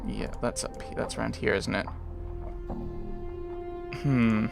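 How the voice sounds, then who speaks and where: Gravelly guy doing a lets play, mumbling his thoughts out loud, faint music behind. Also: mid-range voice, fairly even intonation, slow pace. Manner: muttering asides, thinking aloud. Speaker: let's player. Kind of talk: casual game commentary, reading game text aloud.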